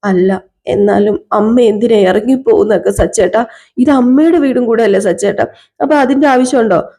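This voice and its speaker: A woman's voice: on the high side, normal speed, warm tone, lightly acted. A woman voicing a wounded young wife who pleads plaintively with her husband.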